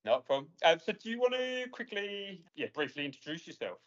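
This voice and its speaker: A man hosting a podcast interview, relaxed and sprinkling his questions with uh and um. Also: sits high, brisk. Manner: relaxed, many uh and um fillers. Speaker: podcast host. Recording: lo-fi remote audio.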